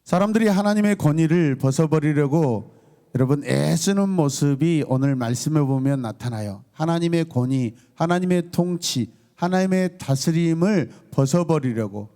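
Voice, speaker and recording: A male pastor from South Korea delivers a night sermon in a bright, high voice. His pitch leaps up and down as he throws questions to the congregation. Now and then he bursts into a scolding tone. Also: expressive, normal speed. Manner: calls and responses to the congregation, acts out scolding voices. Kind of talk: sermon at a Friday night service.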